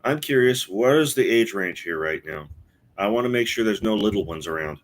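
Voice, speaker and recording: Rambling, halting man in his forties. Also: lowish voice, expressive. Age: 40s. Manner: rambling, halting with many fillers and restarts. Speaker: streamer host. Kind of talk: casual live-stream chat.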